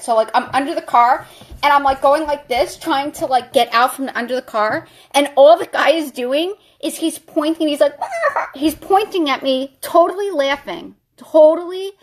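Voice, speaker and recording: Chatty woman vlogger telling a story. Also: high voice. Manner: chatty, animated, full of "like". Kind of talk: casual storytelling while doing makeup.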